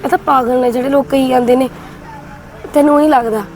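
Grieving young widow, played by a woman; gentle, pleading, a touch high, set in a reverberant room with soft music. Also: steady tone, fairly quick, slight background noise. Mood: denying, insistent. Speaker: actor in a short film. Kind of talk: melodramatic short-film acting. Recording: echoey room with long reverb.

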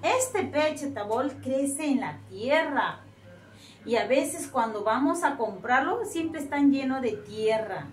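A young woman teaching children English words bilingually, slowly modeling each word for them to repeat. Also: high voice, lively intonation, faint music behind. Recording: echoey room, voice from far off, faint noise.

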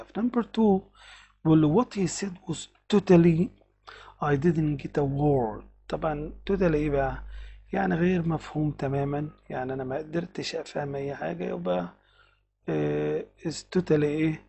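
A man with an Egyptian Arabic accent teaching English vocabulary, reading English words slowly and explaining them quickly. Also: a little high, vocal fry, warm tone.

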